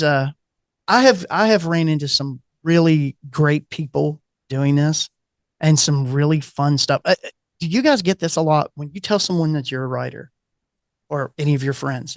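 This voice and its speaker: Middle-aged man, guest author, animated storyteller who acts out quoted voices. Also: fairly high pitch, moderate pace, no echo, clean studio sound. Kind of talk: casual storytelling interview.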